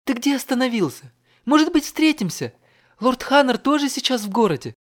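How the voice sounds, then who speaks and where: Man voicing a shrill, fiery young woman. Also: sing-song, brisk. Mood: pleading. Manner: shrill, exclaiming, emotional outbursts. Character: fiery young woman, flustered and sharp-tongued.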